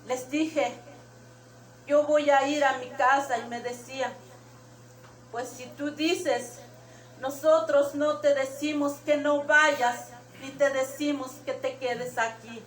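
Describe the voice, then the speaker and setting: A woman's voice: high-pitched, steady tone, slow. A woman giving an emotional personal testimony in church, retelling her dreams and quoting what was said to her. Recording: echoey room, distant mic.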